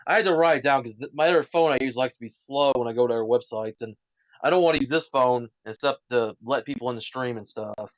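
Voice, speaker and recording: A man's voice: medium pitch, fast talker, dry recording, muffled recording. A man hosting a casual live stream chat, rambling with many fillers and self-corrections, talking into a wired headset. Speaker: livestream host.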